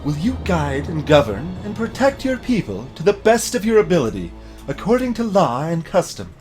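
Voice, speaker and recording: A man voicing a solemn priestess in a video game, proclaiming in a stately, drawn-out, ceremonial way. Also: fairly high pitch, sing-song, a little mellow, faint music behind, pitched above the performer's own voice.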